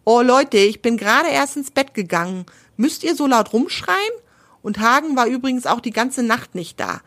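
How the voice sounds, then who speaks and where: A woman's voice: a little high, expressive, normal speed, fairly bright tone, pitched above the performer's own voice. A woman voicing a sleepy, grumpy female owl woken too early, in a storybook tale. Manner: sleepy complaining.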